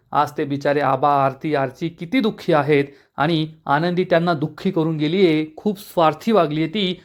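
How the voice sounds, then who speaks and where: A man's voice: a little high, close to an everyday voice. Guy doing a disappointed boss-man lecturing about family, kinda preachy. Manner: lecturing, reproachful. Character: upset landowner scolding on a phone call.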